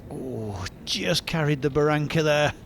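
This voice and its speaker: A man's voice: on the high side, a little slow, slight background noise. A man working as a golf commentator, giving live reactions to the shots as they are played.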